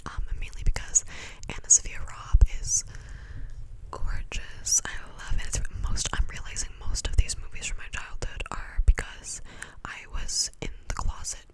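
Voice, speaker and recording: A young adult woman in a breathy, clicky, fast ASMR whisper close to the microphone, rambling casually and repeating words and phrases. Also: low-quality recording. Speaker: ASMR video host.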